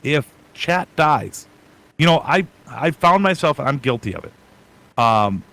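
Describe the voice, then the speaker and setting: A man who is a guest streamer, chatting casually on a panel and thinking out loud in long run-on advice. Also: mid-range voice, big pitch swings, measured pace, gravelly, rough recording.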